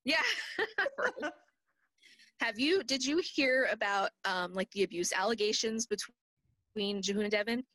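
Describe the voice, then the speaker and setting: A young woman in casual chat, animated, acting out quotes and laughing often. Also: a little high, measured pace, long pauses, no echo, poor audio. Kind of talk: casual chat about a reality show.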